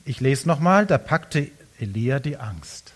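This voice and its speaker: Emphatic German-speaking pastor preaching. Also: male voice, sing-song, a little slow, husky. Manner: emphatic, swinging between loud insistence and hushed lows. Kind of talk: sermon.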